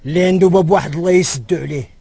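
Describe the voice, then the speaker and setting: An actor playing an evasive Moroccan shopkeeper who answers with proverbs in film dialogue. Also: male voice, on the high side, racing, creaky, dark tone, slightly rough, no echo. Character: secretive male shopkeeper, stubborn and cagey.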